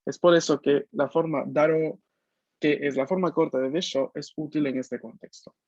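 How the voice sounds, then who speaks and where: A man's voice: on the high side, fairly even intonation, moderate pace, darkish tone, no room sound. A man teaching an online language class, explaining patiently and often checking that students understand. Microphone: video call. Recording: dull lo-fi video call audio.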